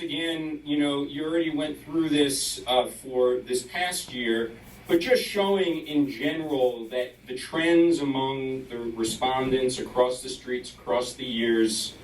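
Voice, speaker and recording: A man speaks at a council meeting, eager and a bit apologetic as he explains data on his shared screen. His voice sounds distant from the mic, with noticeable room echo. Faint noise runs underneath. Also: medium pitch. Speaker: council member.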